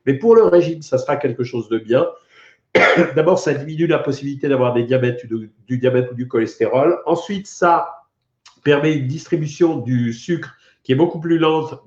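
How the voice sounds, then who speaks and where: With a medium-pitched, slightly mellow voice, a middle-aged doctor with a French accent chats through a head cold on his weight-loss live stream. He answers viewer questions casually, hesitating often as he explains, over roomy, dull lo-fi audio.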